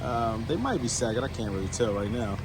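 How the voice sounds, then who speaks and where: A man narrating a casual workshop vlog, relaxed and enthusiastic, often repeating his praise with exclamations. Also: medium pitch, brisk. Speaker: auto shop owner. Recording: noisy background.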